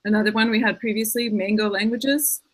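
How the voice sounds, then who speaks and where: A woman's voice: medium pitch, fairly even intonation, a little fast, poor audio. A woman teacher in a casual online discussion, speaking in a matter-of-fact way. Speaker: teacher in a book club chat.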